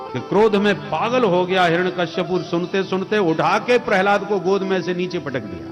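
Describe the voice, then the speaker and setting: A male preacher tells a devotional story with animated, dramatic delivery in a fairly high voice. His voice carries through a large echoing hall. Soft instrumental music plays underneath. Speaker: katha preacher.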